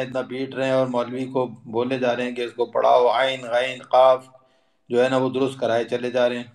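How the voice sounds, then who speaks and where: A middle-aged man teaching a religious lesson in an earnest, explanatory way, repeating phrases for emphasis and mixing in English words. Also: medium pitch. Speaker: Quran teacher.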